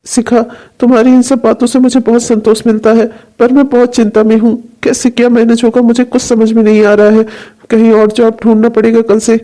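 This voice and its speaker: A man's voice: very high voice, monotone, a little fast, warm tone. A man voicing a worried jobless husband and father in a cartoon, who talks in an anxious, despairing way. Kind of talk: cartoon dubbing.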